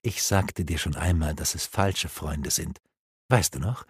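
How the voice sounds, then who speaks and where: A man's voice: a bass voice, unhurried, husky, no room sound, studio quality, voice pushed down, heavily acted. A man voicing a cunning, scornful elf sorceress in an audiobook, speaking in a mocking, coaxing way. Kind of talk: audiobook reading.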